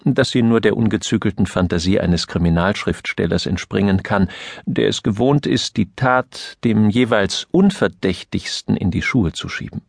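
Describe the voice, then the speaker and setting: A man narrating an audiobook in a measured, expressive reading style. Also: fairly low pitch, creaky, dry recording, studio quality. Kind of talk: scripted narration.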